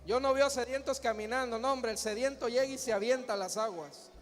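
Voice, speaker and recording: Fairly quick and very high-pitched, a man preaches as pastor in a large church hall, emphatically firing off rhetorical questions and urging the crowd to answer. Faint music and long hall reverb can be heard.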